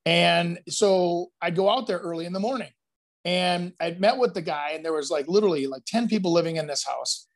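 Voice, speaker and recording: A man's voice: sits high, a little fast. A man who works as a real estate agent, chatting casually and telling long stories, acting out other people's lines as he goes. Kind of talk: casual podcast chat.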